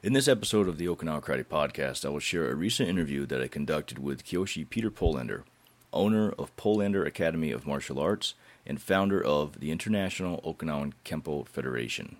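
Really deep guy hosting a podcast, reading an intro, scratchy hoarse throat from a cold. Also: animated, fast talker. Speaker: podcast host. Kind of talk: scripted podcast introduction narration.

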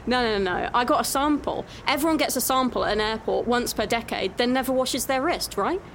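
An airy, self-deluded glamorous traveller in a comedy sketch. Her voice is fairly high and affected. Clear airport ambience surrounds her. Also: a little fast, a bit bright, slight background noise. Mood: breezy, airy.

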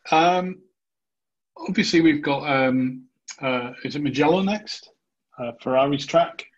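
A man's voice: on the high side, a little slow, lo-fi sound. A man hosting a podcast in casual interview chat, with a hesitant, rambling way of talking. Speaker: podcast host.

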